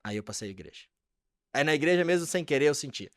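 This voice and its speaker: Fast-talking man telling his testimony. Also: a little high, animated, no room sound, clean studio sound. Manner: emotional, acts out the voices in his dialogue. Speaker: podcast guest. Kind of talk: personal testimony storytelling.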